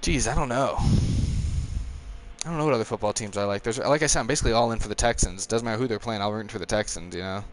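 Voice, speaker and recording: The voice is lowish, and there's slight background noise. A nineteen-year-old gaming streamer casually talks on his live stream while racing, rambling and reacting to what happens. His manner is chatty and wandering, quick to frustration, with occasional chuckles.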